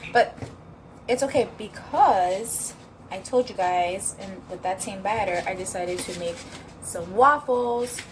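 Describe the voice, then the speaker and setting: A chatty woman with a slightly high voice talks her way through a home cooking vlog, upbeat and rambling with plenty of fillers. She sometimes talks with her mouth full, and faint background noise hums under her voice in the kitchen. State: eating while talking. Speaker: vlogger. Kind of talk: casual cooking vlog chat.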